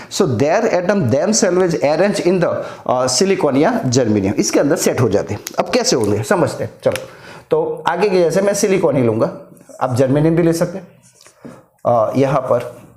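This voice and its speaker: A man's voice: fairly high pitch, a little mellow. A middle-aged man teaching a physics lesson, explaining step by step and mixing in English terms. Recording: echoey room.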